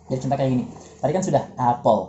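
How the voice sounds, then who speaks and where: A man's voice: medium pitch, warm tone, reverberant, lo-fi sound, a little hiss or hum. A man teaching English pronunciation in a casual, joking lesson, drilling words for a partner to repeat.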